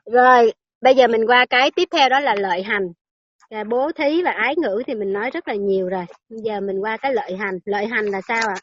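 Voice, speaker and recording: A woman's voice: a little high, brisk, dull audio. A woman giving a Buddhist dharma talk, chatty and teasing, often asking her listeners questions.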